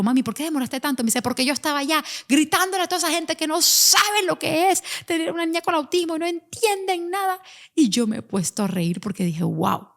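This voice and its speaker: A woman telling a personal parenting story in an animated monologue, acting out the voices of the people she quotes. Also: medium pitch. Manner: animated, acts out quoted voices, mixes in English words.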